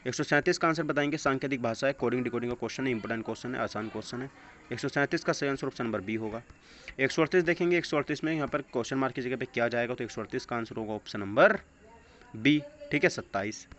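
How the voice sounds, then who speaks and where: Here an exam coach speaks at a quick pace in a mid-range, somewhat bright voice. He reads questions and answers in an instructional manner, weaving in English phrases, while dull lo-fi audio and clear background noise fill the recording.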